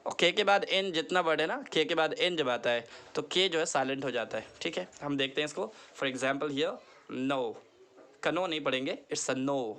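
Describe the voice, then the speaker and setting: A man teaching an online lesson, mixing Hindi and English. He repeats each word slowly so the listener can echo it, and urges the listener earnestly to practise. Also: a little high, fairly bright tone. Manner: earnest, pleading tone.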